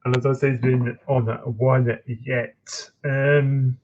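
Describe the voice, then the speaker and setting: A Scottish man talks to his viewers in an unhurried, halting way, filling pauses with ums and breaking off to start again. His voice sits at an ordinary middle pitch. The stream audio sounds muffled and lo-fi. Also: level tone, a little hiss or hum. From Scotland. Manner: halting, with frequent ums and restarts. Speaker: live streamer answering chat. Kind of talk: casual live-stream chat.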